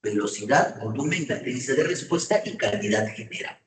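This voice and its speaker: A man's voice: mid-range voice, expressive, normal speed, distant mic. A man giving a university lecture, often checking in with students with short questions. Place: classroom. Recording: echoey room, voice off-mic.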